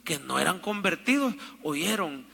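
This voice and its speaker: A man's voice: a little high, very animated, measured pace, creaky, bright, forceful tone, slightly rough, long reverb tail. A man preaching an emphatic sermon and calling out to the congregation for amens. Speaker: pastor. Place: church.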